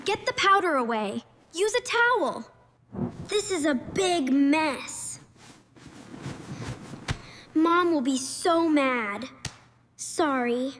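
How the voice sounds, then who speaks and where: A woman voicing an excitable, bossy young girl babysitting her baby brother in a slow learner's story. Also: high-pitched, slight background noise, full character voice. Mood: busy. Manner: exclaiming, bossy, clearly enunciated.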